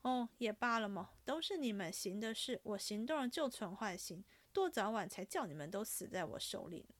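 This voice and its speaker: A woman's voice: medium pitch, very animated, normal speed, no room sound. Woman doing a wheedling young nobleman. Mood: grumbling. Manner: coaxing, wheedling, then blustering.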